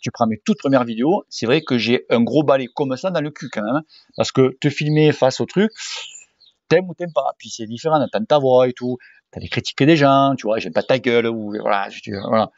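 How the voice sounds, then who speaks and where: With a fairly quick, slightly mellow, medium-pitched voice, a man in his forties answers viewer questions in a relaxed vlog. He's a cycling YouTuber and sports coach with a southern regional French accent, blunt and slangy with free swearing, in a dull, dry home recording without echo.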